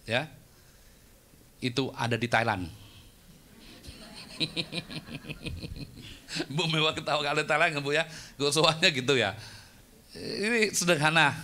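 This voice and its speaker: A man's voice: mid-range voice, sharp tone. A male pastor preaching a sermon in a casual, joking storytelling manner.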